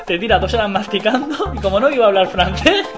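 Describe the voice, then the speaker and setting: Animated storyteller, music behind. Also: male voice, high voice, quick pace. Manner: animated, profane, acts out quoted voices. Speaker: podcast co-host telling a story. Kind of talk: casual storytelling chat.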